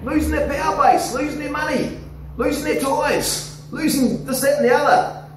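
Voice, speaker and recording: Aussie pastor preaching, lively and coaxing, big echo in the church hall, faint hiss. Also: male voice, extremely high pitch, normal speed. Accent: Australian. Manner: animated, gesturing, coaxing the congregation. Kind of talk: sermon. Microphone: handheld microphone. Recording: echoey hall, somewhat distant, faint noise.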